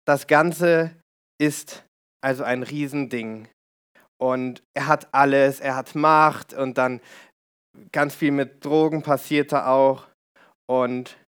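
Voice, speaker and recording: A man's voice: mid-range voice, clean tone. A man telling a conversion story in a sermon, conversational and explaining, with asides to his listeners.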